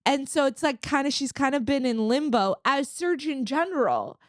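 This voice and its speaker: A woman's voice: high voice, very animated, moderate pace, no echo, clean studio sound. A woman co-hosting a comedy podcast, telling rambling sarcastic stories full of fillers. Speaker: podcast co-host. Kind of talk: casual comedic chat.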